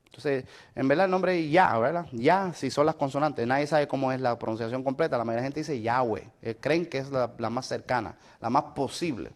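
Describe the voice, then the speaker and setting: A man with a medium-pitched voice teaches a Bible study lesson at a brisk pace. He explains things step by step, asks listeners questions to check whether they follow, and mixes in English fillers such as "so."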